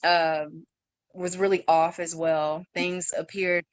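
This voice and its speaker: A young woman in her twenties telling her story in an interview, halting, with fillers and restarts, and acting out what others said in a raised voice. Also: fairly low pitch, flat delivery, dry recording. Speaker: guest sharing her story.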